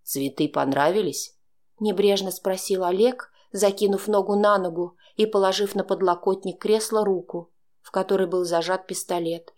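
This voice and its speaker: A woman's voice: medium pitch, level tone, moderate pace, darkish tone. Woman narrating a dramatic audiobook. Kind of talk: first-person audiobook narration.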